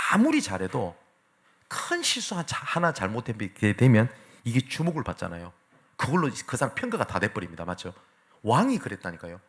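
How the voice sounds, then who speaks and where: A man preaches a sermon in a church, speaking to the congregation and asking them questions. His pitch sits in an ordinary middle range for a man. His voice swings up and down with great animation. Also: a bit bright. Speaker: pastor. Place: church sanctuary.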